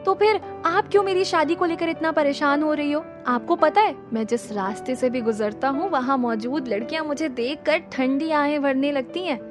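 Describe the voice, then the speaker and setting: Woman doing a joking young guy teacher, kinda high and bouncy, music under it. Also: normal speed, hardly any pauses, lightly acted. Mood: teasing. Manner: lively, joking, exasperated. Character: playful young male teacher, teasing son.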